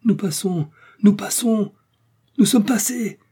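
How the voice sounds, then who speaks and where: A man reading an audiobook, voicing an eager, loyal young male servant with a cheerful, excited manner. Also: mid-range voice, moderate pace, breathy edge, close to an everyday voice.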